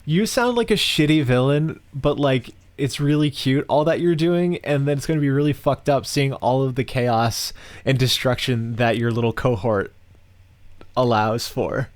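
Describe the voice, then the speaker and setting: A chatty man co-hosting a podcast, teasing his partner and swearing freely. His voice is middle-pitched. It is recorded dry and close. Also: normal speed, no echo. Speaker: podcast co-host. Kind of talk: casual chat.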